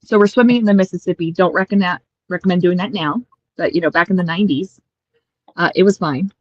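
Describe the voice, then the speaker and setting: A woman's voice: on the low side, quick pace, no echo. American woman, 30s, casual streamer storyteller, acts out quotes; lo-fi, dry close mic. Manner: chatty, animated anecdote telling with acted-out quotes.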